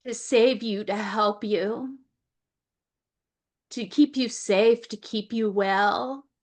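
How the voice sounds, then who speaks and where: This woman, slow-paced and rather high-voiced, conducts an Akashic Records reading via video call, reporting what her guides tell her, frequently repeating herself and breaking off to ask them questions.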